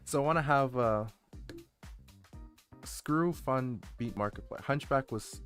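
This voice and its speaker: A man's voice: mid-range voice, slow, fairly bright tone, faint music behind. A man chatting casually on a livestream, rambling and hesitant as he answers his viewers and gets easily distracted. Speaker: streamer, VTuber introducing his channel. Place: indoor streaming setup, background music behind the voice.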